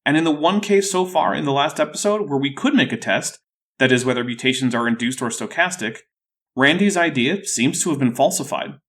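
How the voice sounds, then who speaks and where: A man's voice: medium pitch, animated, brisk, fairly bright tone. A man with a thick, sore-throated voice hosting a scripted rebuttal video in a dry, skeptical way. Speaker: YouTube host.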